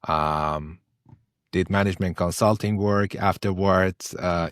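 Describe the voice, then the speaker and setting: Middle-aged man from Iran, low voice, dry close sound, hesitant interview guest. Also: no room sound. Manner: hesitant, many fillers. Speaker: podcast guest, investor and professor. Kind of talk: interview answers.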